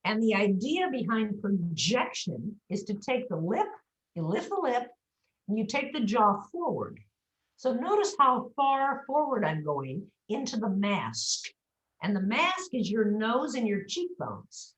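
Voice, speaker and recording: A woman's voice: medium pitch, very animated, a little slow, echoey room, poor audio. A woman speech coach giving an instructive, demonstrative lesson on voice, speaking without a microphone.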